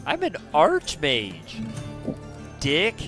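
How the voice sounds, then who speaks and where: A man's voice: mid-range voice, wildly swooping pitch, normal speed, mellow, faint music behind. A man voicing a proud, easily offended male archmage in a tabletop game, answering in a snappish, indignant way.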